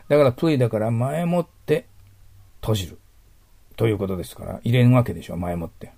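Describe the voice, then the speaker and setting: A man's voice: mid-range voice, fast, gravelly, dark tone, no echo. A man teaching English vocabulary, breaking words into their roots and asking his listeners rhetorical questions. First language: Japanese. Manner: explains word roots step by step, asks listeners rhetorical questions. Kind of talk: recorded vocabulary lesson.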